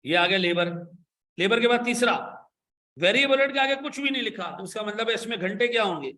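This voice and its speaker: A man giving an accounting lecture, animated and coaxing, pressing his students with repeated questions and playful scolding. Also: sits high, brisk, reverberant. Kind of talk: classroom lecture.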